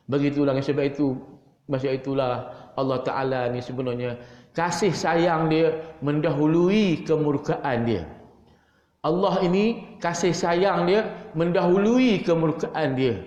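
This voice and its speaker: A high-pitched male preacher with a Malaysian Malay accent gives an evening mosque lecture and keeps calling out to his listeners. His voice rings through a large hall with a long echo. The sound is dull and lo-fi. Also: a little slow, a little mellow. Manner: addresses listeners as "tuan-tuan" again and again, swinging pitch. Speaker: religious teacher.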